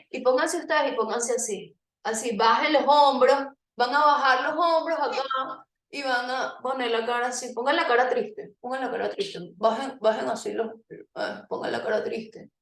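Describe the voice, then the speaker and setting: A woman presenting a motivational workshop, speaking straight to her audience and leading them through exercises with frequent check-ins. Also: sits high. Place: room with a live audience. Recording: echoey room, voice from a distance.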